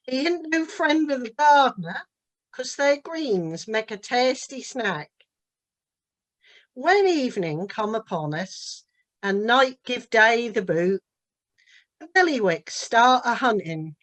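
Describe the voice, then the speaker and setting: A woman with a Norfolk accent reciting her own dialect poem in a measured lilt. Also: fairly high pitch, big pitch swings, fairly bright tone. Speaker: dialect poet. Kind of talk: poetry recitation.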